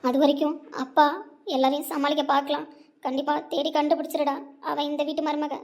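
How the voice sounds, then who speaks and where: A woman's voice: high-pitched, little pitch movement, fairly quick, darkish tone. A woman playing a worried middle-aged mother who scolds and comforts her grown son. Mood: tender. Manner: pleading, scolding, tender. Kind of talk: web series drama acting.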